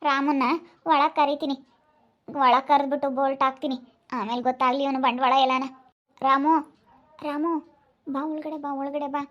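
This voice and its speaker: Woman as a desperate young wife, amateur drama, very high and flat. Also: normal speed, long pauses, highs cut off, lightly acted. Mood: scheming. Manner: pleading, then cursing angrily. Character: young wife resisting her brother-in-law, desperate, pleading.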